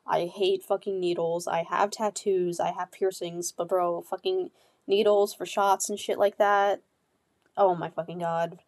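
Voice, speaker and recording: A woman's voice: lowish voice, little pitch movement, a little slow, darkish tone. A young woman hosting a podcast, candidly telling a personal story in casual, profane speech full of fillers. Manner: candid, heavy swearing, lots of fillers. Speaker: podcast host.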